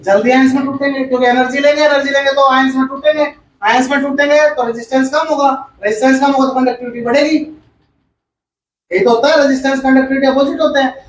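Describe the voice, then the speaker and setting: A man's voice: very high-pitched, fairly even intonation, fast talker, slight background noise. A male chemistry teacher gives a classroom lecture. He repeats each point and quizzes the class as he goes. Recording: echoey room, far from the mic.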